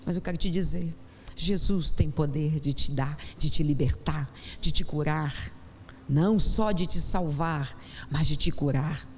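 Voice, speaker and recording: A woman's voice: low-pitched, unhurried, a little mellow. A woman with a Brazilian Portuguese accent preaching a sermon in a church, telling her own testimony with impassioned, rising exclamations. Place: church sanctuary. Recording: long church hall reverb, faint noise.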